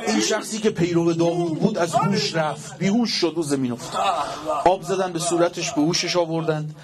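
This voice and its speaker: Fervent higher-voiced male preacher. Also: over a noisy crowd. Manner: fervent, dramatic retelling with acted quotes. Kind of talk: religious sermon storytelling.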